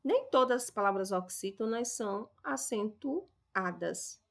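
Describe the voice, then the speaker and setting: A woman's voice: medium pitch, expressive, creaky. Young adult woman from Brazil, schoolteacher, patient explainer who checks in often. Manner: explains slowly, stresses example words, checks in with "tá?". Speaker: teacher. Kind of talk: recorded classroom lesson.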